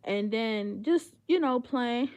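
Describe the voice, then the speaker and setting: A woman's voice: on the high side, lively intonation, slow, a little mellow. A young woman on a livestream telling a heated story, profane and indignant, with lots of fillers.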